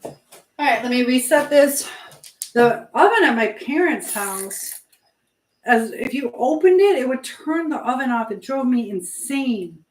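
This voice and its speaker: Chatting live from her home, a middle-aged livestream host wanders from topic to topic and responds to her viewers in a loose, talkative way. She has a high, animated voice at a measured pace, captured on a low-quality recording.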